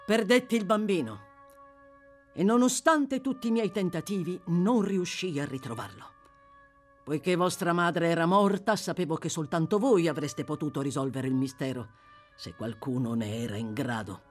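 A woman voicing a stern elderly gentleman who speaks in a measured, firmly deliberate and accusing way. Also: fairly low pitch, faint music behind, close to an everyday voice.

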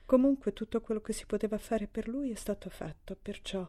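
A woman voicing a grieving middle-aged mother in a storybook reading, speaking calmly, quietly and with restraint. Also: mid-range voice, a little fast, lightly acted. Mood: restrained grief.

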